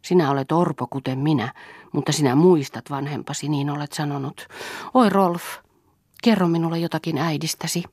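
A woman reading the part of an earnest, thoughtful young orphan woman in a soft, slightly raised voice. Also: low-pitched, breathy edge, no room sound, studio quality.

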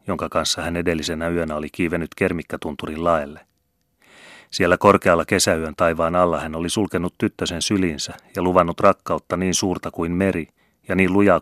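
A man narrates a novel for an audiobook in a very low, deep voice. His delivery is measured and even, telling the story at a steady pace. The recording is close and dry, with no room sound. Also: no room sound. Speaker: audiobook reader. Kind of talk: scripted literary narration.

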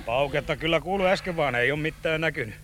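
A man plays a country farmhand who gives short, matter-of-fact replies. His voice is fairly high and bright. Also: a little hiss or hum, lightly acted.

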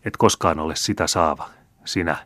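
A man's voice: rumbling low, fairly bright tone, no room sound. A male narrator voicing a devout old woman accused of witchcraft, answering in a dry, curt, firm way. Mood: defiant.

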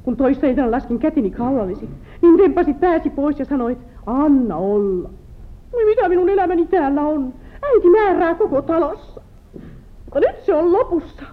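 A woman's voice: high voice, expressive. An actress playing a distraught, jealous farm wife who accuses her husband and breaks into tears, in a 1940s film drama. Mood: bitter. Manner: tearful, accusing, fragile. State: crying. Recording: tinny old 1940s film soundtrack.

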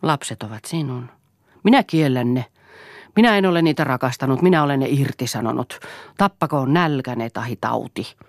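A woman reading an audiobook, voicing a bitter, spiteful husband with a loud, snarling, bullying manner. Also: extremely low pitch, lively intonation, dry recording, studio quality. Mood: menacing.

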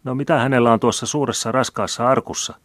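A man's voice: medium pitch, no echo, pitched above the performer's own voice, natural voice. A man reading aloud and voicing a pert young maidservant who mocks and teases. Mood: cheeky. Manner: pert, mocking. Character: cheeky young maidservant, woman.

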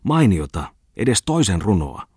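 A man voicing an excitable, talkative man who eagerly comments on a festival show in an audiobook. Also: low-pitched, husky, no echo, studio quality, full character voice. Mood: excited.

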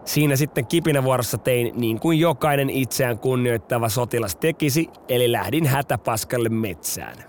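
A man's voice: mid-range voice, few pauses, slight background noise. A man hosting a storytelling podcast, narrating in a casual, slangy way.

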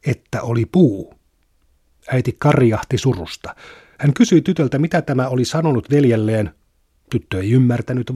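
A man narrates fiction in a steady, measured way. His voice is husky and mid-pitched. The recording is dry and close. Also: no room sound. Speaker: reader. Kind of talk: literary reading.

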